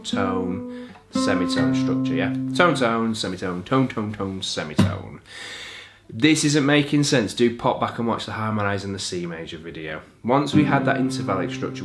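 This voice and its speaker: A man talks through a guitar lesson in a lowish, easygoing voice, walking through each step and checking that the viewer is following. Loud guitar music plays behind him throughout. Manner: relaxed, explains step by step, checks in with "yeah?" and "okay?". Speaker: guitar teacher.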